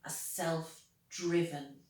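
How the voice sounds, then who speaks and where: A woman with an Irish accent giving reflective interview answers in a deliberate, measured, emphatic way. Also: low voice, fairly even intonation, darkish tone. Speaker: interviewee, pagan priestess. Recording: very echoey room, distant mic.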